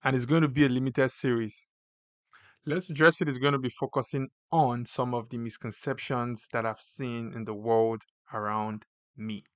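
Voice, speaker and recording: A man from Nigeria with a Nigerian accent, hosting his own podcast in a measured, deliberate way. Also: medium pitch, steady tone, no echo. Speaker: podcast host. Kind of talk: scripted solo podcast talk.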